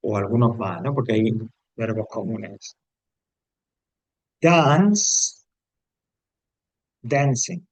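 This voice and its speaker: A man's voice: medium pitch, expressive, very slow, pauses often, no room sound. Male teacher, patient and repetitive, dry close sound. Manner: explains step by step, repeats rules, checks in with "¿vale?". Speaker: English teacher. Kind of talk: classroom grammar lesson.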